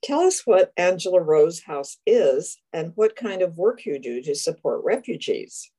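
Female interview host, lively intonation, slightly low voice, conversational. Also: a little slow. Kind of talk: friendly hosted group interview.

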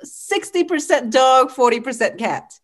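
A woman's voice: sits high, sing-song, measured pace. A young adult woman from Vietnam, raised in Texas, hosting a podcast in a friendly, easygoing chat. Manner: friendly, easygoing, laughs lightly. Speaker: podcast co-host. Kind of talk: casual chat.

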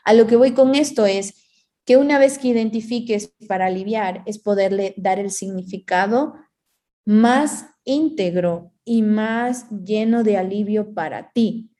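Mellow-voiced woman explaining with analogies. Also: mid-range voice, a little slow. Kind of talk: casual reflective chat.

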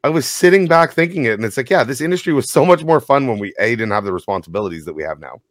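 This podcast co-host, a tow operator in his thirties, talks very fast in a mid-range voice, spinning lively stories and laughing frequently during casual chat. The recording is dry and studio quality.

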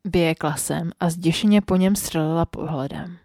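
A woman narrating a story for her podcast in a soft, intimate voice that often sinks close to a whisper. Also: on the low side, no echo. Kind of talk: scripted audiobook-style story narration.

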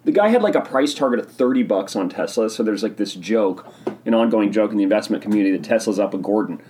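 A man hosting a casual solo podcast, talking in an excitable, rambling, opinionated way while sipping a drink. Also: on the low side, fast, slight background noise. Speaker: podcast host.

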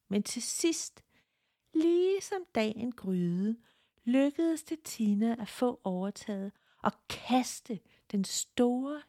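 A woman narrating a guided story in a soft, calm, partly whispered voice. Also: on the high side, no room sound, studio quality.

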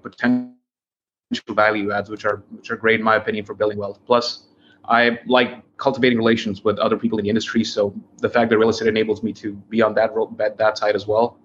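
A man's voice: lowish voice, level tone, quick pace, fairly bright tone. A man from India, speaking earnestly as an investor guest and using lots of fillers. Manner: earnest, filler-heavy with frequent likes. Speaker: real estate investor guest. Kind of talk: casual interview answer. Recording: dull lo-fi sound with faint noise.

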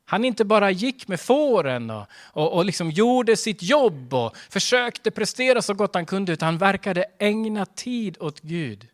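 Male pastor, fairly high voice, earnest sermon delivery with rhetorical questions and emphatic peaks. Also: very animated, few pauses.

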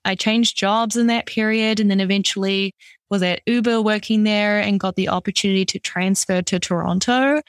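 A woman's voice: mid-range voice, fairly even intonation, normal speed, dry recording. Chatty new zealand woman, dry close mic. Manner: upbeat, chatty, lots of "like" fillers. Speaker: guest product designer. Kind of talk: conversational interview.

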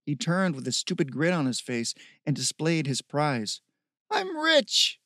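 A man narrating a story in a steady, measured reading. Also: a little high, dry recording, clean studio sound. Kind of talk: audiobook narration.

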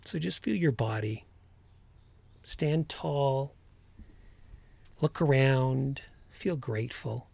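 Man leading a calm grounding exercise, slightly gravelly. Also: medium pitch. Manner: short, gentle instructions with pauses. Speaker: podcast host and coach.

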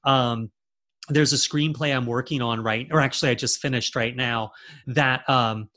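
Man, author guest, middle pitch, rambling, lots of ums and restarts. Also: steady tone, normal speed, sharp tone. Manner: rambling, many fillers and restarts. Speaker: author and screenwriter. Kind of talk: casual interview talk.

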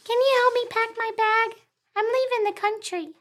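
A man's voice: very high-pitched, steady tone, moderate pace, voice pushed up. A man voicing Mick, an anxious young monkey puppet who fears his parents' anger. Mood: worried. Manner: worried, pleading. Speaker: puppet character.

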